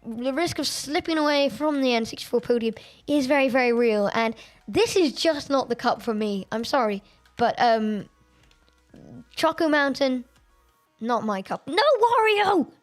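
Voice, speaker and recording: A woman streamer chatting through a racing game, excitable and quick to laugh at her own mistakes. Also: a little high, soft background music. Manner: chatty, excitable and self-deprecating. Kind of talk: live-stream gameplay commentary.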